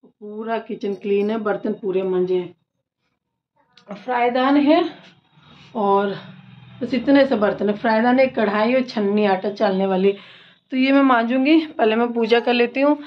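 A woman's voice: a little high, a little slow, pauses often. A woman in her thirties chatting casually to viewers as she walks through her home chores and evening routine. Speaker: vlogger and mother. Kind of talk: casual home vlog narration. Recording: slightly dull lo-fi phone audio.

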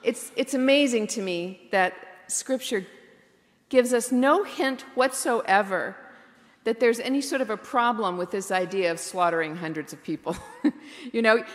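A woman pastor preaching a sermon in a reflective, candid way, slowing down for emphasis. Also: on the high side, a bit bright, in a large hall. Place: church.

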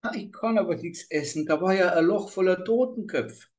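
A small, timid peasant girl lost in a dark forest, her voice lifted high and thin, as a man reading a fairy tale puts her on. She pleads anxiously in a trembling tone. It has the feel of a storybook reading. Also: moderate pace, lightly acted. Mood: frightened pleading.

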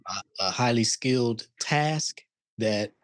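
A man in his forties, medium-pitched and unhurried, coaches a guest over a video call from his living room, pushing hard in a direct manner and repeating words. He uses a studio mic on an arm, and the audio is studio quality with no room sound.

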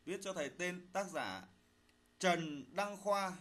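A man teaching primary school, dictating a spelling lesson slowly, phrase by phrase. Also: high-pitched, lively intonation, fairly bright tone. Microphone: voice-over recorded for a slide video.

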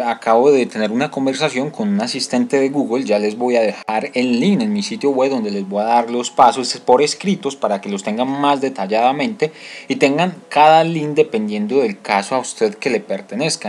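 Here the man speaks at a moderate pace with a medium, slightly mellow voice. Hosting a screen-recorded tutorial in Colombian-accented Spanish, he explains each step while frequently restarting and using fillers.

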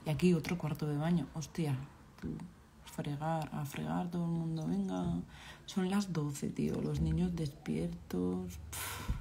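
Valencian woman streamer, low mellow gravelly voice, chatty and exclaiming as she plays. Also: steady tone, measured pace, a little hiss or hum. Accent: Valencian Spanish. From Valencia, Spain. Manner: chatty, exclaiming, scolding the game characters. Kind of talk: casual live-stream chat while playing a game.

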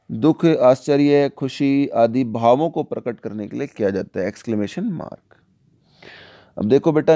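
Guy teacher going over a kids worksheet, gravelly mellow voice, keeps asking the class stuff. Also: medium pitch. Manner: explains slowly, often asks the class questions. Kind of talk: online worksheet lesson for children.

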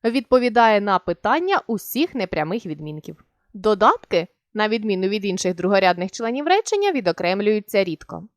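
Woman teacher going through grammar, careful, lots of pitch movement, dry close sound. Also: sing-song, no echo. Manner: clear, deliberate teaching delivery with stressed examples. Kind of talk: Ukrainian grammar lesson.

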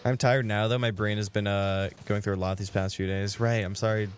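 A man's voice: lowish voice, little pitch movement, a little fast, slight background noise. A man of about twenty-one, chatting casually with his stream chat while playing a game. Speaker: Twitch streamer. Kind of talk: casual gaming livestream commentary. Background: game music.

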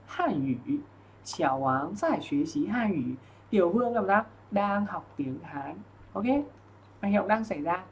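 A man teaching an online language lesson, explaining patiently, checking in often and reading examples slowly. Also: high voice, a bit bright. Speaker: Chinese teacher.

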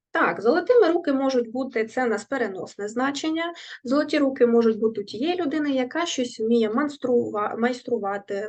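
A woman teaching a recorded lesson to young children, speaking clearly and patiently, asking questions and praising her pupils. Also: fairly high pitch, a little mellow. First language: Ukrainian. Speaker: primary school teacher.

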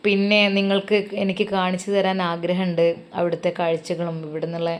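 Lady storyteller, chatty and warm, asks for prayers. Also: on the low side, monotone, brisk. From Malappuram, Kerala. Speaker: storyteller and channel host. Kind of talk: religious story narration and personal address.

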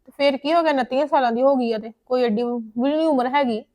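A woman's voice: sits high, fast, dark tone, lightly acted. A young woman playing a jealous younger sister who argues and complains to her mother. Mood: complaining. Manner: whiny, argumentative. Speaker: younger daughter.

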